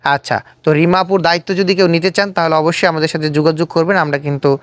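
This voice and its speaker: A fast, steady, mid-range voice comes through in a dry recording from the host of a casual street interview on camera. He has a Bangladeshi accent and probes by restating what he's told as a question.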